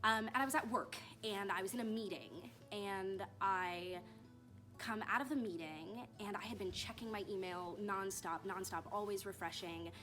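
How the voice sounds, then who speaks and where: A young woman from California, a directing student, telling a story in a quick, animated way. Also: medium pitch. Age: young adult. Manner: animated, quick, quotes herself. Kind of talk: casual storytelling interview. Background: background music.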